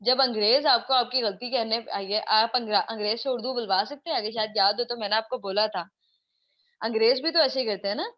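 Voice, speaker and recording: A Pakistani-accented woman lectures in a chatty way and keeps asking her students questions. Her voice sits a little high. The recording sounds dull and lo-fi. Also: brisk. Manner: chatty, asks the class questions. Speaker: English teacher. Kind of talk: informal online class lecture.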